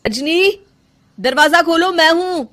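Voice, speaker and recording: A woman voicing a worried young husband who questions his wife gently. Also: extremely high pitch, expressive, slow pace, voice pushed up, full character voice. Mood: pleading. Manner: pleading, questioning.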